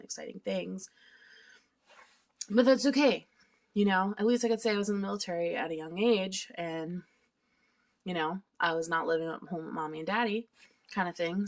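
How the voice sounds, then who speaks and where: A thirty-year-old woman vlogging in a chatty, candid way, swearing freely and eating while she talks at home. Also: lowish voice. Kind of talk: casual confessional vlog.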